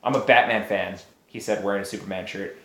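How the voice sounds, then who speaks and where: A man's voice: on the low side, steady tone, fast, fairly bright tone. A man co-hosting a casual chat, ranting heatedly and swearing a lot. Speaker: podcast co-host. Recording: echoey room.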